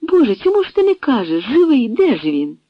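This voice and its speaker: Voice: sits high, huge pitch swings, fairly quick, no echo, pitched above the performer's own voice, exaggerated voice. A reader voicing an emotional young noblewoman who speaks in eager exclamations, in an audiobook reading. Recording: dry, dull lo-fi sound.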